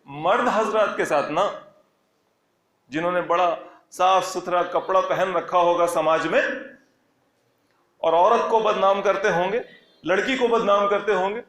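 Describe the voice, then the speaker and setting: High-voiced man teaching scripture, echoey room. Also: pauses often, fairly bright tone. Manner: explains verse by verse, reciting Arabic lines then rephrasing them; emphatic, repeats key phrases for stress. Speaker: Quran teacher. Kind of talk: religious lesson explaining scripture.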